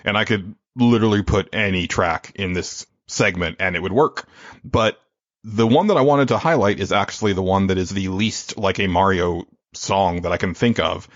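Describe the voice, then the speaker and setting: Deep-voiced man in radio presenting mode. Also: normal speed, no room sound, dull audio. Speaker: podcast host.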